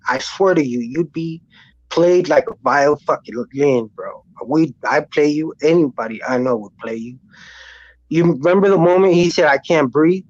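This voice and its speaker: A man's voice: fairly high pitch, normal speed, darkish tone, no room sound. A man calling in by cell phone, talking bluntly in a streetwise way, stumbling and restarting often. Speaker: caller. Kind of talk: casual call-in chat. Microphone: cell phone call. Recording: muffled phone call.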